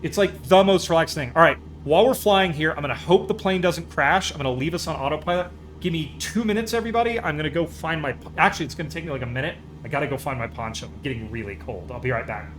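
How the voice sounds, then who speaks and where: A man's voice: a little high, quick pace, few pauses, a bit bright. A man chatting casually as a live streamer during a flight game, rambling along in an easygoing, enthusiastic way. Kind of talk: casual chat while playing a flight simulator.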